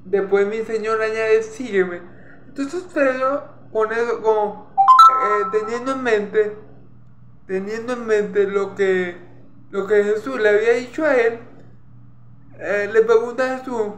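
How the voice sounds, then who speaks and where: A man's voice: sits high, unhurried. A man from Venezuela with a Maracaibo accent, teaching a Bible passage verse by verse, explaining and repeating phrases and checking in with "ok?". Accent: Maracaibo Venezuelan Spanish. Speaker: preacher. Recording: echoey room with faint ambient noise.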